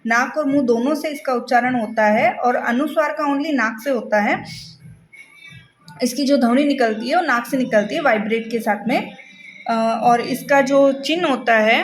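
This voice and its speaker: A woman's voice: high voice, a little hiss or hum. A woman teaching a spoken grammar lesson, stretching out each example word and repeating it so the learner can hear it. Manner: slow, drawn-out word demonstrations, repeated for the learner.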